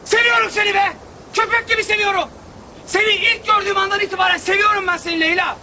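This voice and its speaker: Lovesick shouting Mecnun. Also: male voice, extremely high pitch, animated, a little fast, a faint crowd, slight background noise, full character voice. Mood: passionate shouting. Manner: pleading then shouting passionately. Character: lovesick clumsy young man Mecnun. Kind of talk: TV comedy-drama acting.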